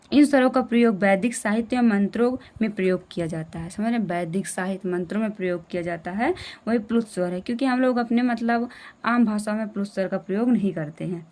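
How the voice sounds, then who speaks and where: A woman teaches a classroom lesson in a medium-pitched, darkish voice, explaining step by step. She asks questions back and checks understanding again and again.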